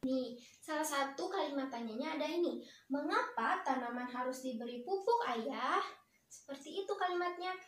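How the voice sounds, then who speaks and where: A young woman student teacher leading a lesson for young children, encouraging and slow, clearly praising her pupils. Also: high-pitched, slight background noise. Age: young adult. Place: primary school classroom. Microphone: far camera. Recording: echoey classroom from far off.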